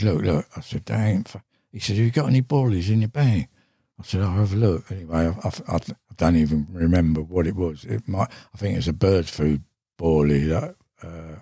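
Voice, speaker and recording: Gravel-low older man spinning yarns. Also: darkish tone, no room sound, studio quality. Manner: rambling, salty, full of swearing and fillers. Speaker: podcast guest, veteran angler. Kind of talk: casual anecdotal storytelling. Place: podcast studio.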